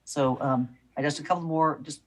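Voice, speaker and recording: A woman chairing a public commission meeting over a video call, briskly managing speakers and time. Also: deep voice, steady tone, rough recording.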